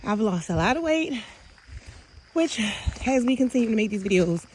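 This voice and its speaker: A woman's voice: fairly high pitch, big pitch swings, moderate pace, darkish tone, rough recording. A chatty woman talks to her viewers as she walks a path outdoors. Faint insects and crickets hum behind her in the open air. She records on a handheld camera. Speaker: outdoors vlogger. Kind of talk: casual walking vlog.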